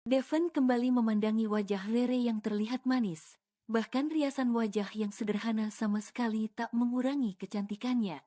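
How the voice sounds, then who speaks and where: A woman's voice: on the high side, moderate pace. Woman narrating a romance audio novel. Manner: even storytelling with casual colloquial asides.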